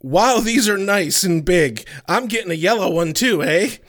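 A man's voice: sits high, expressive, measured pace, a bit bright, voice pushed up. A man voicing a friendly, folksy older local man with an Upper Michigan Yooper accent who ends his lines with "eh". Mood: cheerful.

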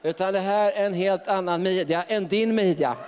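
A man's voice: high-pitched, darkish tone, big-room sound. A man preaching a sermon in a chatty style, often laughing and tagging his sentences with questions.

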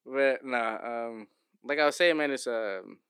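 A young American man talks casually with plenty of slang and restarts. His voice is bright and clear, recorded dry with little room sound. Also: mid-range voice, unhurried, no echo. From Cleveland, Ohio, United States. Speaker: host recording the call. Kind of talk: casual chat.

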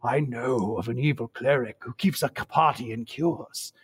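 A man's voice: mid-range voice, a little slow, breathy edge, far from the mic, voice pushed down. A man doing a grumbling old wizard voice. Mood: sly, grumbling. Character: old male wizard sage, sly and grumbling.

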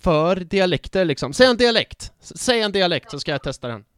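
A young male podcast host chatting casually, playful and quick to joke about himself. His voice is smooth and slightly high. The sound is close and dry, with no room around it. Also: sing-song, fairly bright tone, no echo. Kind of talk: casual chat.

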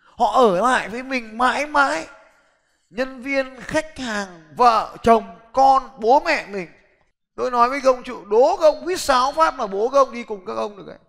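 Man, middle-aged, seminar speaker, high voice, blunt and lively, hall reverb. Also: measured pace, creaky. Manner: lively, blunt, challenges the audience directly. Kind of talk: motivational business seminar talk.

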